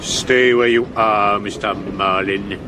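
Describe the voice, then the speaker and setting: A man's voice: medium pitch, lively intonation, normal speed, lightly acted. A grandly theatrical, pompous detective who savours his brandy, as a man plays him. His voice sits mid-range, and faint background noise hangs under this radio play. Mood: menacing. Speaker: amateur detective. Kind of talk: 1970s radio drama acting.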